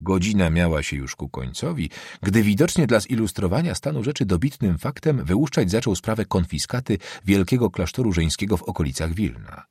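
A man reading literary prose aloud as an audiobook narrator, expressive and dramatic. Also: low-pitched, fairly quick, hardly any pauses, slightly rough, no room sound, clean studio sound.

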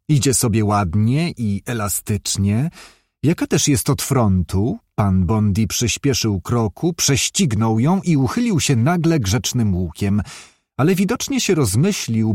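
Lively male audiobook narrator. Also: medium pitch, no echo, studio quality.

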